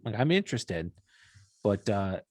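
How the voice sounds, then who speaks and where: A man's voice: lowish voice, very animated, measured pace, no echo, clean studio sound. A young man from Wisconsin co-hosting a podcast, chatting casually and teasing with joking banter. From Wisconsin, USA. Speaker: podcast co-host. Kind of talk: casual chat.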